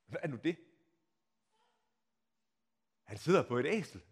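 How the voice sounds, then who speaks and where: During a Palm Sunday sermon, a pastor tells the story dramatically, acting out the crowd's shouts and putting rhetorical questions to his listeners. His fairly high voice is very animated with a breathy edge, swinging from hushed to loud.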